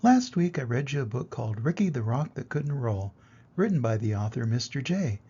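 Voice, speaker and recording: An older man, a grandfather, reading a children's story aloud in an expressive grandpa voice to little children. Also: mid-range voice, normal speed, husky, lo-fi sound.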